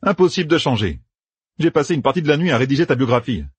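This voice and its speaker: A man's voice: mid-range voice, expressive, slightly rough, dry recording, voice pushed up. A man voicing a brash young schemer who barks out plans in a raised, emphatic voice in an audiobook. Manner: bossy, emphatic, rapid-fire planning.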